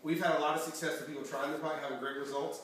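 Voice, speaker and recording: A man giving an energetic motivational seminar talk as a network marketing trainer, quizzing the audience with questions. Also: on the high side, very fast. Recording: echoey room from far off, faint background noise.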